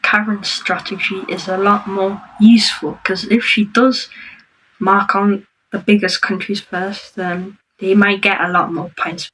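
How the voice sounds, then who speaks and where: Woman host reacting to a clip, flat and hesitant with many ums, slow careful explaining, mic set back a little. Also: fairly low pitch, breathy edge, recorded from a distance, rough recording. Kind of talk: commenting on a played clip.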